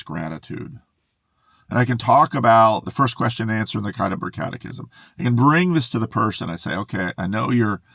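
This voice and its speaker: Sitting in a parked car inside a closed garage, a pastor and video host muses to camera in an unscripted monologue, getting excitable and cutting himself off. His voice is low and gravelly. The camera in the car captures a dry, studio-quality sound.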